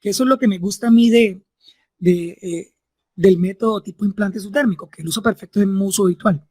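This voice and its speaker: In a dry recording, a man with a high, slightly mellow voice teaches a medical class at a brisk clip. He explains each step and keeps checking comprehension with frequent tag questions.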